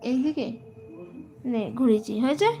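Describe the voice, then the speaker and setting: A woman with a high voice plays with a small child. She teases and coaxes in a mock-whiny tone, like casual chat on a live stream. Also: moderate pace, crowd noise. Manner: teasing, coaxing, mock-whiny. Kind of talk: playful teasing chat with a toddler.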